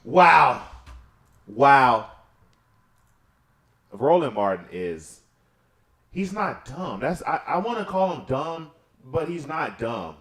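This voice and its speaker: A man's voice: mid-range voice, sing-song, slow, long pauses, fairly bright tone. A man co-hosting a casual reaction show, talking in a blunt, profane, mocking way with stammered restarts. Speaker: co-host.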